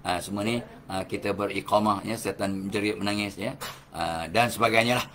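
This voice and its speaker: A man's voice: lowish voice, steady tone, moderate pace, a bit bright, a little hiss or hum. An older man with a Malaysian Malay accent, giving a religious motivational lecture full of rhetorical questions and chuckles. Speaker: motivational speaker.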